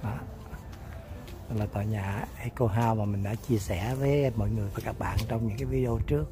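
A man's voice: on the low side, fairly even intonation, a little fast. A man vlogging outdoors as he walks through a garden, talking straight to his viewers in a chatty way. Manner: chatty, addresses viewers directly. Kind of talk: casual vlog narration.

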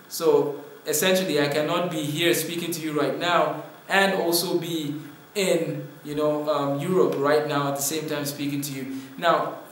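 A man's voice: a little high, steady tone, moderate pace, a bit bright, slight background noise. Young guy from nigeria teaching to camera, earnest, lots of room echo. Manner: earnest, explains with hand gestures. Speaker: apologetics teacher. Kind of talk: talking-to-camera lesson. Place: indoor room with wood-panel wall. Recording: very echoey room.

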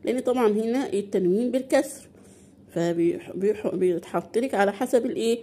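Egyptian lady teaching recitation rules, mellow warm voice, asks then answers herself. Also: medium pitch. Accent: Egyptian Arabic. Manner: asks questions and answers them herself, stretching out example words slowly. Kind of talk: tajweed lesson for beginners.

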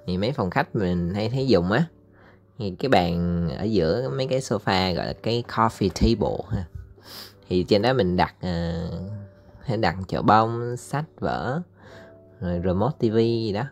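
Male teacher with a Southern Vietnamese accent and a very low voice, chatty and halting, faint music underneath. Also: expressive. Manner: chatty, hesitant with many fillers, drawls out English words slowly for repeating. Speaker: English teacher. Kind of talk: casual recorded lesson explaining slides.

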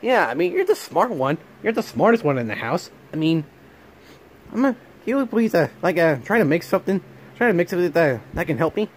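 A man's voice: high voice, big pitch swings, fairly quick, a little hiss or hum. A man voicing Mario, turned into a cat, as an eager adult man who pleads with many hesitant restarts, in a plush toy home video. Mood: pleading. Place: home room with couch.

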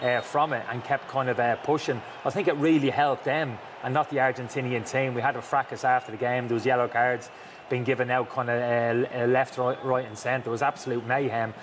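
Fast-talking middle-aged male football pundit. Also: mid-range voice, level tone. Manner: emphatic, talks over replays. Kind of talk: studio match analysis. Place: large TV studio set. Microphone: lapel. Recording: TV studio with background noise.

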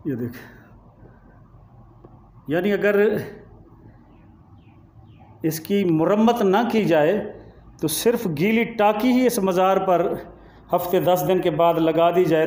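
A man's voice: fairly high pitch, a little mellow, roomy sound. A man, narrating a touring vlog outdoors at a graveyard and earnestly pointing things out to the viewer. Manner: earnest, guiding the viewer around. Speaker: vlogger.

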